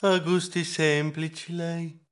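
A man voicing a stingy, fussy male mouse cousin in a storybook, talking in a slow, wheedling way. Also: on the high side, flat delivery.

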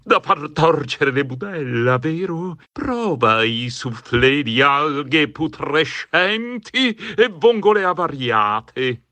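A man voicing a gleeful skeleton host who relishes revolting food, with a drawn-out delivery in a storybook reading. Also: fairly high pitch, animated, pushed and bright, no room sound, full character voice. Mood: relishing.

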